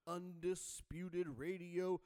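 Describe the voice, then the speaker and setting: Guy doing a big ringmaster announcer voice, nineties late night radio hype, drawn out words, swoops up high. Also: completely flat delivery, a little mellow, clean tone. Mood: grand hype. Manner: booming, drawn-out ringmaster showmanship. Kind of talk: hyped show introduction.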